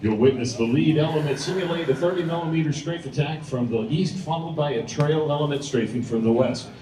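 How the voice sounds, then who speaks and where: A man's voice: fairly high pitch, brisk, a crowd in the background. A man giving emphatic, scripted airshow commentary like an announcer over a public address system. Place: outdoor airshow over loudspeakers. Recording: echoey PA, heard from far off.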